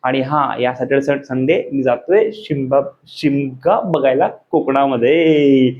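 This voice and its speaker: A man's voice: mid-range voice, takes it slowly, muffled recording, a little hiss or hum. A man in his thirties, a father talking casually to his vlog camera at home at night. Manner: coaxing, soothing talk to a child. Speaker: vlogger, father.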